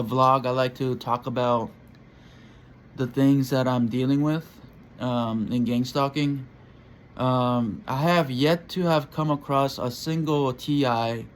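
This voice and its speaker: A man vlogging in a casual monologue to camera, halting and rambling as he searches for words. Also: mid-range voice, slight background noise.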